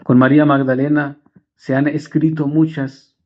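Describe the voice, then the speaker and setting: Man, priest, homily from the pulpit, earnest short phrases, slightly high voice, muffled lo-fi recording. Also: little pitch movement. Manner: earnest preaching in short phrases, slowing for emphasis. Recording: dull lo-fi recording.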